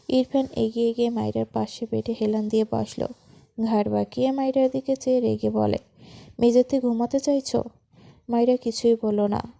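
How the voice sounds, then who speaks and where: A woman narrating a romance story in a steady storytelling manner. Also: on the high side, creaky.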